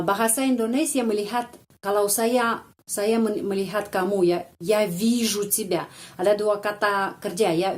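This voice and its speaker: A woman teaching a language lesson, explaining words slowly and deliberately. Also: medium pitch, a little mellow. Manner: slow, deliberate, spells out foreign words carefully.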